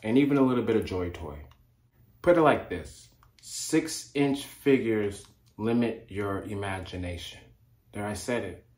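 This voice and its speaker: A man's voice: fairly low pitch, animated, a little slow, darkish tone. A man hosting a toy collecting vlog, talking earnestly and with enthusiasm, often repeating his phrases. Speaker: toy collecting channel host. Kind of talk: casual vlog to camera. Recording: echoey room.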